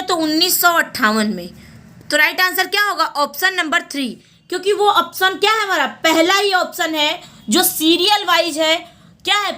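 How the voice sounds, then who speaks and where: A woman teaching a Hindi exam lesson, going through questions and repeating each answer back as a quick question and reply. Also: very high-pitched, pushed and bright.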